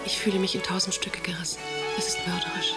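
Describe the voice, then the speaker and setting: A woman's voice: on the low side, normal speed, gravelly. An actress playing a passionate aristocratic woman writer, reading her letters in an intimate, often half-whispered voice over music. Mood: tender farewell. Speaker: letter-writing lover. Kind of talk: radio drama reading of letters.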